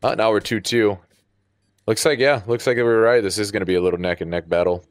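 A man's voice: fairly low pitch, fairly even intonation, fast, no echo. A man giving laid-back, analytical color commentary on a tactical shooter match. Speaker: esports co-caster.

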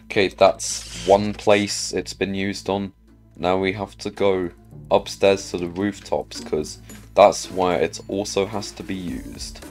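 Music accompanies a man who talks through his gaming session in a deep, unhurried voice with a steady tone. He comments casually and mutters questions to himself as he plays.

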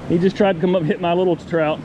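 Outdoors beside a rushing mountain creek, a man with a high voice vlogs while fly fishing, chatting casually to the camera. When a fish bites he gets excited and repeats himself. The audio is dull, and loud stream noise fills the background.

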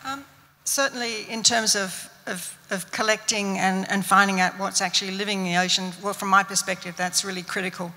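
A woman's voice: mid-range voice, fairly even intonation, a little fast, hardly any pauses, bright, forceful tone. An older woman scientist speaking earnestly on a panel into a handheld mic, with many fillers and restarts and an Australian accent. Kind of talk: panel discussion answer. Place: stage of an event hall. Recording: long reverb of a hall.

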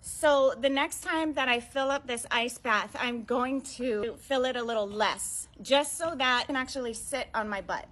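High-pitched woman tense in ice cold water. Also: moderate pace, hardly any pauses, fairly bright tone. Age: young adult. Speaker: content creator reviewing products. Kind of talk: casual vlog to camera. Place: outdoors in a backyard, sitting in an ice bath.

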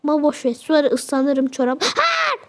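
A woman's voice: sits high, wildly swooping pitch, measured pace, a bit bright. A young woman chatting casually as she narrates a game, fretting and exclaiming as she goes. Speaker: game video creator.

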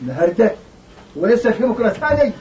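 An actor playing a weary, submissive merchant with a husky voice and an Egyptian accent in a historical audio drama. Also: male voice, high-pitched, very animated, quick pace, darkish tone, slight background noise, low-quality recording. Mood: resigned.

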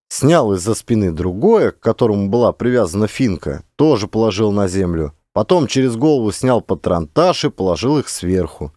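A man reading an adventure audiobook in an expressive, dramatic narration. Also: fairly low pitch, no room sound, clean studio sound. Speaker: audiobook reader.

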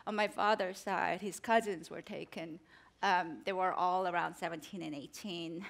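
A woman's voice: fairly low pitch, fairly even intonation, moderate pace, creaky. A South Korea-born woman in her forties, speaking earnestly in an onstage interview with fillers and restarts. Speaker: guest author. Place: large theater stage with audience. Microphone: headset mic.

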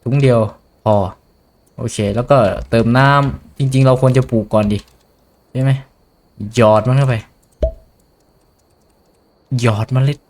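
A man hosting a casual let's play, swearing constantly and reading the game's text aloud and translating it as he goes, with excitable outbursts. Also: medium pitch, measured pace, pauses often. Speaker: gaming channel host.

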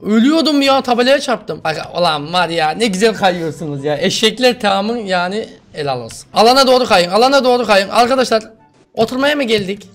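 A man hosting a gaming video, reading a sponsor spot and then loudly teasing and bossing his teammates during play. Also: sits high, lively intonation, brisk, soft background music. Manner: loud, teasing, bossy with teammates. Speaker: gaming YouTuber host. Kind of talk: sponsor read and gameplay commentary.

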